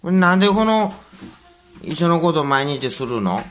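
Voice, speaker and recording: A middle-aged man with a Kansai accent, talking to and scolding his pet dog in a casual, drawn-out way. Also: fairly high pitch, sing-song, faint music behind. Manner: slow, drawn-out scolding of a pet, half soft, half raised. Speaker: dog owner.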